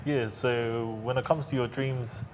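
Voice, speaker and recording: A young man from Samoa, an athlete, answering interview questions calmly and steadily. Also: mid-range voice, measured pace. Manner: calm, steady, repeats phrases. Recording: clear background noise.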